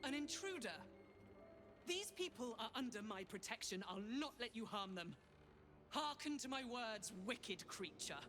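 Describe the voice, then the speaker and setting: A woman's voice: on the high side, animated, a little slow, music in the background. A woman playing a pious, protective cleric in a fantasy video game, with an earnest, declamatory heroic delivery. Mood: fervent, defiant. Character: valiant, pious female cleric, protective and fervent.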